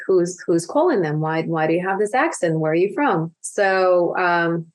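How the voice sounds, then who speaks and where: A woman being interviewed on a podcast, chatting with lots of fillers and restarts. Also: mid-range voice. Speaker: guest, virtual assistant business owner.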